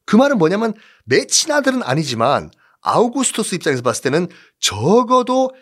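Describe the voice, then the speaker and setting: A man's voice: high-pitched, huge pitch swings, fairly quick, fairly bright tone. A man hosting a history show, telling the story in a playful, theatrical way with rhetorical questions to his listeners. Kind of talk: animated history storytelling lecture.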